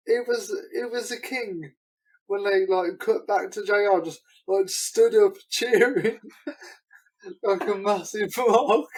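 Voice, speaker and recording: A man co-hosting a podcast in relaxed, joking chat. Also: high-pitched, slow pace, low-quality recording. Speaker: podcast co-host. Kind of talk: casual chat.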